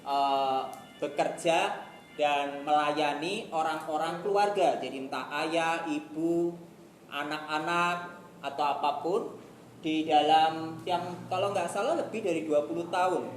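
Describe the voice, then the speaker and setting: A woman's voice: deep voice, a little slow. A woman teaching a youth group in casual classroom style, chatty and acting out little scenes between friends. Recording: echoey room with faint noise.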